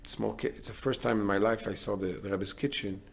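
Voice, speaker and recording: A man's voice: lowish voice, fairly even intonation, fairly quick, vocal fry, slight background noise. A middle-aged man, a rabbi, giving a sermon in an earnest way, building to emphatic declarations.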